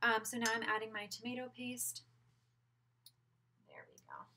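A woman's voice: fairly high pitch, level tone, normal speed. A young woman giving a casual, upbeat cooking demonstration in a small home kitchen, moving around as she talks. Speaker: cooking instructor. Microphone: laptop webcam at a distance. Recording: loud cooking noise and clicks.

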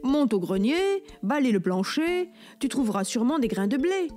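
Woman reading a bossy old man in a kids story, firm and a bit loud, not much of a put-on. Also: high voice, sing-song, normal speed, soft background music.

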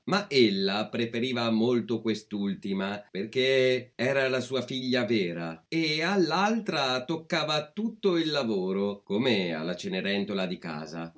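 Slow, calm male fairy-tale narrator. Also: fairly low pitch. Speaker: storyteller. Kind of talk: storybook reading.

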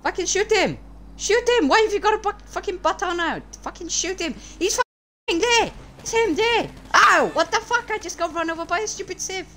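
Man putting on a hot-tempered Arabic-accented driver, swooping pitch. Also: lively intonation, normal speed, pushed and bright, full character voice. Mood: outraged. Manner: foul-mouthed, confrontational. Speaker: gamer. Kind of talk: improvised online game role-play. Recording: noisy game audio with vehicle sounds.

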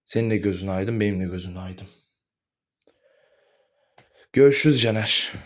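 A man's voice: moderate pace, lightly acted. Boss: a man doing a cold vengeful crime boss. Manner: low, cold, cursing contempt. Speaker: voice actor in amateur animated drama. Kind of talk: animated drama voice acting.

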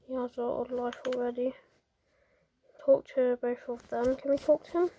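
A woman's voice: fairly high pitch, flat delivery, normal speed, warm tone, a little hiss or hum. A woman gamer giving playful, jokey gameplay commentary to her viewers. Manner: chatty, jokey, talks to viewers.

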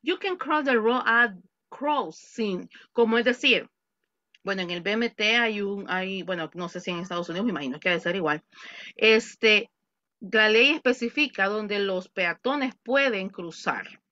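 A woman's voice: mid-range voice, expressive, a little slow, bright, forceful tone, no echo, lo-fi sound. A woman teaching an online English class in Spanish, patiently repeating words and examples for her students. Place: home. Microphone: computer mic on a video call.

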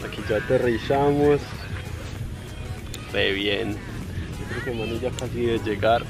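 A young man, chatting casually with short relaxed replies. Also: medium pitch, takes it slowly, over loud music. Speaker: vlogger's partner. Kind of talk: casual chat.

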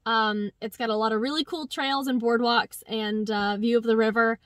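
A woman's voice: fairly high pitch, steady tone, moderate pace, a bit bright, dry recording. A young woman vlogging casually to the camera from inside a parked car, chatty and upbeat. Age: young adult. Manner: chatty, upbeat, talks to her dog. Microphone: phone or camera at arm's length.

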